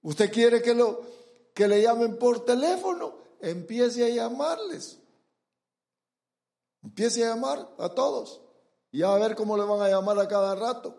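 A man delivering a sermon in a very high voice, taking his time over each phrase. He preaches emphatically, firing rhetorical questions at the congregation and acting out the voices he quotes. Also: lively intonation, a little slow, creaky, pauses often, a little mellow.

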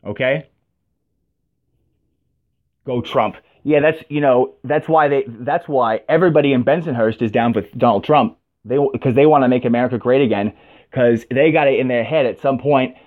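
A man ranting through a profane, sarcastic comic monologue as a podcast host. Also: medium pitch. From New York. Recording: dull lo-fi audio.

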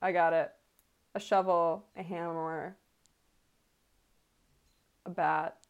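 A woman's voice: on the low side, level tone, slow pace, clean tone, narrow, tinny audio. A woman co-hosting a casual chat over a video call, with dry jokes and a lot of agreeing fillers. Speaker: podcast co-host.

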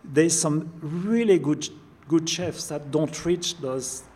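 An older chef from France, speaking with a French accent, answers interview questions in a slightly high, darkish voice at a slow pace. He often repeats words while searching for the right phrasing.

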